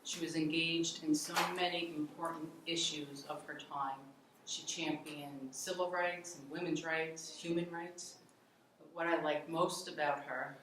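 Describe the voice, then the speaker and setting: A woman who works as a school fundraising director, introducing and reading favorite quotes in a friendly, slightly halting way. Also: deep voice, a bit bright, a little hiss or hum. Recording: very echoey room, voice from a distance.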